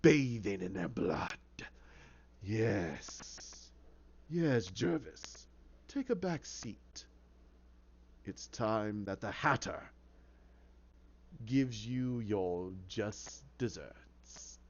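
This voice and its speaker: A man voicing a sinister madman alter ego, a taunting voice in someone's head, with a slow, menacing drawl. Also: on the low side, lively intonation, lo-fi sound, pitched below the performer's own voice, full character voice. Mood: menacing, gloating.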